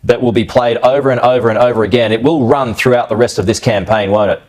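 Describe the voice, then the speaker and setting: A man anchors a news segment and questions his guest in a conversational way. His pitch sits in the middle range for a man. He hesitates and restarts, then closes his points with tag questions. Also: steady tone, quick pace, darkish tone. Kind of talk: news interview.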